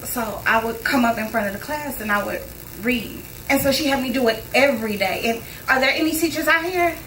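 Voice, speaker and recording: A woman's voice: on the high side, brisk, fairly bright tone, slight background noise. A young woman speaking to a live audience before her performance, telling a personal story casually and repeating phrases for emphasis. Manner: conversational, repeats phrases for emphasis, talks to the crowd. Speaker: spoken word performer. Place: live concert venue. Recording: roomy live sound from a distance. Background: faint audience ambience.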